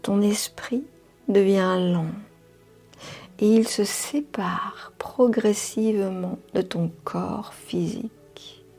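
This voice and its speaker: Very slow, breathy woman guiding meditation. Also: medium pitch. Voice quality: soft, breathy, half-whispered. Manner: soothing, drawn-out phrases with long pauses. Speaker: meditation guide. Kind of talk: slow guided hypnotic meditation. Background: music.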